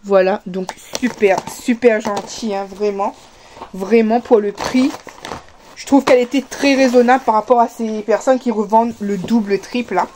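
A woman's voice: fairly high pitch, fairly even intonation, normal speed, mellow, slight background noise. A woman with a Réunion French accent, chatting casually to camera as she unboxes parcels, full of fillers and restarts. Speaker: vlogger.

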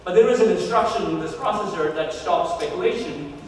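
A man delivers a technical keynote in a large hall, his fairly high voice carrying with heavy, lingering reverb. He speaks in a measured way, often filling pauses with "uh" as he thinks. The sound is picked up from a distance, with a faint room hum underneath. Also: animated. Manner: measured, many "uh" fillers while thinking. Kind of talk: conference keynote lecture. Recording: echoey hall recorded from far off.

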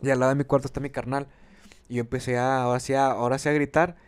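A young Monterrey man in his twenties tells a long story in a quick, slangy, rambling way. His voice sits at a middle pitch, and he speaks with a northern Mexican accent. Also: smooth. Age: 20s. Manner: slangy, rambling, animated retelling. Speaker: podcast host. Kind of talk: casual storytelling chat.

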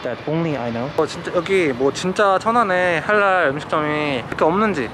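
A man vlogger speaking through a face mask, chatting casually in mixed Korean and halting English while asking around at restaurants. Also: fairly high pitch, animated, background noise. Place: street and small restaurants. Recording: music playing behind.

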